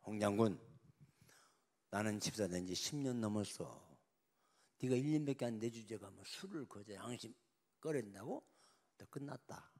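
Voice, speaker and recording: A man's voice: fairly low pitch, animated, normal speed, pauses often, a little mellow. A man voicing an angry middle-aged army general who scornfully scolds and insults a subordinate. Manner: contemptuous, name-calling, rough scolding.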